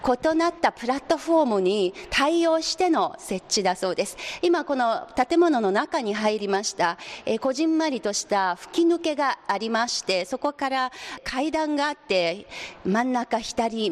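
A woman's voice: on the high side, lively intonation, normal speed. A woman field reporter giving a polite, descriptive live news report on location. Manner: descriptive, polite, sometimes hushed.

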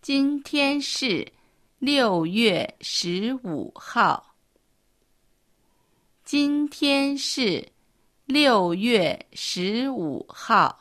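A woman gives model pronunciation for a radio language lesson. She speaks very slowly and deliberately in a somewhat high voice. Each word is sounded out with great care. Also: expressive, a bit bright. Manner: careful, deliberate reading. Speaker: native-speaker model reader.

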